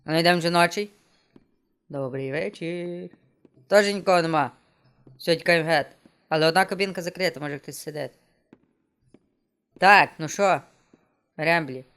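A man's voice: on the high side, a little fast, long pauses, fairly bright tone, clean tone. A man streaming a game and chatting casually to himself, joking as he plays. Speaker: gameplay streamer. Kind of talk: casual let's-play commentary. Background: game music.

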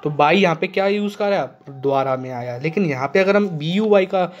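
A male teacher giving a classroom grammar lesson to children, often checking they follow and reading English examples slowly. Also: fairly high pitch, expressive, lo-fi sound. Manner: addresses children, frequent "ठीक है ना" checks, slow spelled-out English examples. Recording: echoey room.

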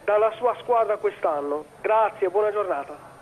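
A man speaking over the phone as a caller, his voice sitting high for a man. He checks that he can be heard and then asks his question plainly. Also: normal speed, narrow, tinny audio. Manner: repeats "pronto?" checking the line. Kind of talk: call-in question.

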